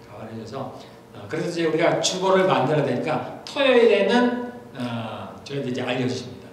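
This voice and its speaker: A middle-aged man preaching a sermon as pastor, talking in a conversational way and repeating key phrases for emphasis. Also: medium pitch. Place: church sanctuary. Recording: very echoey church hall, faint noise.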